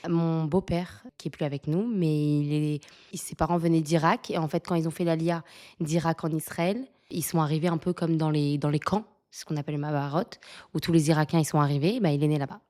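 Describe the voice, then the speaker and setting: A woman from France in her thirties tells stories as a podcast guest. She talks in a loose, animated way, filling gaps with "euh" and laughing through her anecdotes. Her voice sits slightly low. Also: brisk. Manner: animated, laughs often, many fillers. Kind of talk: casual storytelling interview.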